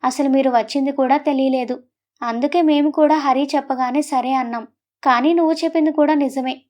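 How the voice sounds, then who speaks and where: A woman voicing a brisk, bossy household matriarch giving orders to her family. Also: sits high, steady tone, darkish tone, close to an everyday voice.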